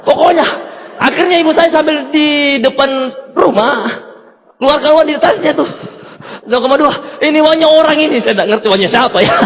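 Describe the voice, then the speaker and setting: A man telling a motivational story to a seminar audience, animated, laughing often and acting out the dialogue. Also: extremely high pitch, moderate pace, slight background noise. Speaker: guest speaker at a business seminar. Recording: long reverb from a hall.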